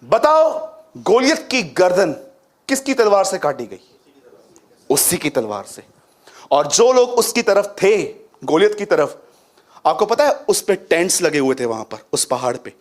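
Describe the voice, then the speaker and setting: A man's voice: sits high, very animated, unhurried. A man preaching a sermon, often questioning the congregation and quoting scripture with emphasis.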